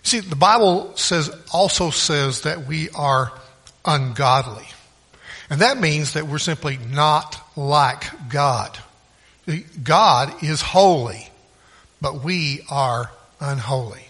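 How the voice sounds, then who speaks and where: Brief: male preacher, sermon delivery, slow and deliberate, lightly raised pitch, driving home points by repeating them. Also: a bit bright, breathy edge. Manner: emphatic, repetitive, storytelling.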